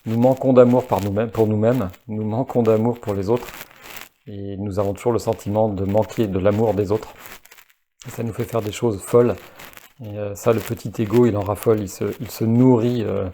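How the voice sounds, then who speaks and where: Man, spiritual monologue; low, dark, hesitant delivery with frequent restarts. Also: steady tone, a little hiss or hum. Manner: halting, many fillers and restarts; reads a text slowly, then talks freely. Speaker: spiritual video maker.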